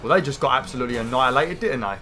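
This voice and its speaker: A man's voice: medium pitch, rapid-fire, bright, forceful tone, faint music behind. Nasal British man, pinched-nose gaming commentary. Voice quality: nasal, like holding his nose. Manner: informal, rambling, sweary. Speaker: gaming video host. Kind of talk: casual gameplay commentary.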